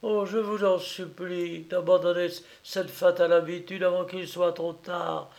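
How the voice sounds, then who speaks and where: A distressed middle-aged aunt who reproaches and begs in turn, as a male reader puts her on. The voice sits well above his own and is delivered slowly and dramatically. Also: high-pitched, steady tone, a little mellow, pitched above the performer's own voice. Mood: imploring. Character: anxious pleading aunt, woman, middle-aged. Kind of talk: audiobook reading.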